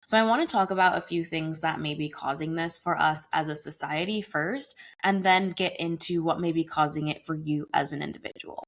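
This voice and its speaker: Slightly hoarse from a cold, a young adult podcast host from the United States delivers a solo wellness monologue in a low voice, talking a little fast with few pauses. She comes across as earnest and conversational, dropping a casual "y'all" and "like" here and there.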